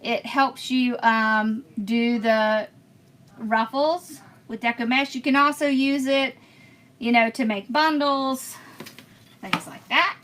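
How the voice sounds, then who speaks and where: A woman born in Pennsylvania and raised in Georgia hosts a craft livestream, chatting casually, answering viewer comments as she works, and often laughing. Her voice is a little high and a bit bright, steady and unhurried. There's a slight hiss or hum in the audio.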